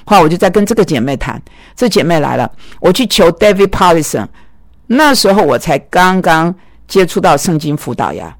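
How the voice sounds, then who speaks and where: A man teaching biblical counseling, telling anecdotes in an animated way and voicing quoted dialogue. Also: on the high side, normal speed, dry recording, studio quality. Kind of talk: lecture with personal anecdotes.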